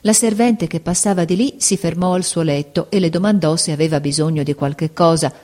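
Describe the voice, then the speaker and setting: A woman reads a novel aloud as a narrator, measured and expressive. Her voice sits on the low side for a woman. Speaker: audiobook narrator. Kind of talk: scripted narration.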